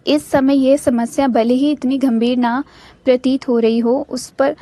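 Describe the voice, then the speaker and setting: A woman reading a devotee's first-person testimony aloud in a steady, reverent way, with small restarts now and then. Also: high-pitched, a little slow, no echo. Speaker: devotional channel narrator.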